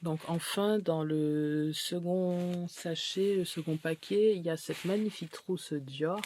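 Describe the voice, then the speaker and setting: A woman's voice: fairly low pitch, takes it slowly, darkish tone, a little hiss or hum. Chatty woman beauty vlogger. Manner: chatty, rambling, many hesitations. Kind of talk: casual haul video.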